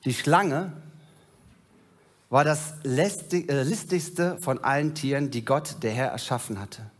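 A male pastor preaching a sermon, retelling scripture in a storytelling way and dropping low and soft at solemn moments. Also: measured pace.

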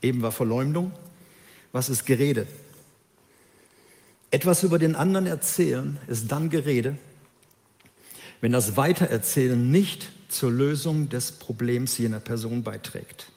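A man preaching a sermon, emphatic and lively, who acts out the voices of the people he quotes. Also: medium pitch, measured pace, long pauses, long reverb tail.

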